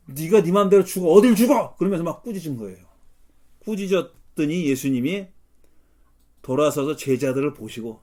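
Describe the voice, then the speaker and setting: Pastor guy teaching bible study, gets really animated, voice jumps around a lot. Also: on the high side. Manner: animated, acts out quotes with rising intensity.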